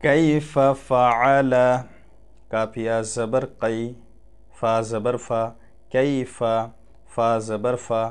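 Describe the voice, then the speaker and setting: A man with a Bengali accent teaching Quran reading, spelling out letters and vowel marks, drawing out each syllable slowly and then explaining quickly. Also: medium pitch, fairly even intonation, smooth. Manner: slow drawn-out syllables alternating with quick spoken explanations. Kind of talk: spelling out Arabic letters and vowels in a recitation lesson.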